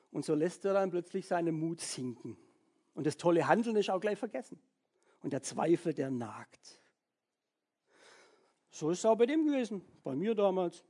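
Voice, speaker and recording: Husky-voiced man preaching animatedly. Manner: animated, asks listeners for agreement with a repeated "ja?"; storytelling, jumps between high excited and low quiet delivery. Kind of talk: lively sermon with acted-out inner voices.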